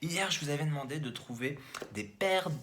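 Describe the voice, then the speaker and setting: A man's voice: on the high side, expressive, fairly bright tone, slight background noise. Man, teacher, remote lesson for young kids, step-by-step handwriting guidance, encouraging, echoey room. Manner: slow, step-by-step guiding, encouraging. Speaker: kindergarten teacher.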